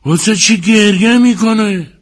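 A man voicing an excitable grown male gambler in an audiobook, shouting in a high, drawn-out voice. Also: breathy edge. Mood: mocking. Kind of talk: audiobook character voice.

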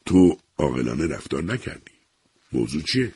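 A man with a deep, gravelly voice voicing a stern old doctor who coldly refuses to help his son. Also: big pitch swings, warm tone, heavily acted. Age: older. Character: stern, cold elderly father, a doctor. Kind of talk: audiobook character reading.

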